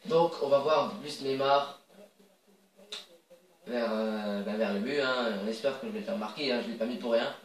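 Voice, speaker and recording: A man casually commenting on his own soccer video game match, chatty and excitable, cheering on his players. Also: mid-range voice, moderate pace, pauses often, echoey room, distant mic, rough recording.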